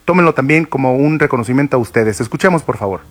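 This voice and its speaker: A man's voice: mid-range voice, animated, fast talker. A man with a Mexican accent hosting a sports talk show, introducing clips and agreeing with co-hosts.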